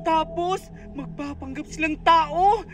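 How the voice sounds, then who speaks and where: Woman doing a bossy gossipy cartoon girl, very high voice, dramatic, pushy, distant, loud music. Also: slow pace.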